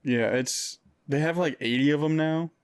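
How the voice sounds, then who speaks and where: A man's voice: on the high side, normal speed, clean tone, no room sound, studio quality. A man co-hosting a casual podcast, rambling with lots of fillers and cracking jokes. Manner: rambling, filler-heavy, joking. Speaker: podcast co-host. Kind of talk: casual chat.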